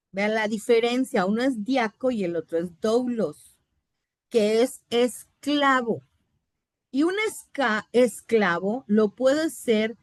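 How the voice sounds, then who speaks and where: A woman's voice: a little high, no echo, clean studio sound. A middle-aged woman teaching a Bible institute class, explaining terms step by step and often checking in with her students. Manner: explanatory, asks "¿verdad?" often.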